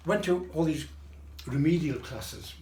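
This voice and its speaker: A man's voice: on the high side, animated, a little slow. Rambling old man giving a birthday speech. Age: 90s. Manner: rambling, repeats himself, chuckles while telling stories. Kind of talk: after-dinner anecdotal speech. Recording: roomy echo with loud room noise.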